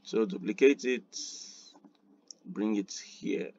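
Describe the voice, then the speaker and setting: A man hosting a screen-recorded design tutorial, unhurried and thinking aloud with quiet muttered asides. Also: lowish voice, highs cut off, a little hiss or hum.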